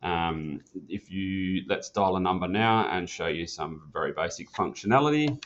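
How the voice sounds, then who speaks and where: A man with a low, fairly bright voice speaks at a moderate pace over slight background noise. He's an instructor giving an informal tutorial on an office phone system, casual, plain-spoken, and practical, walking a learner through every step. The recording is dull, muffled, and lo-fi.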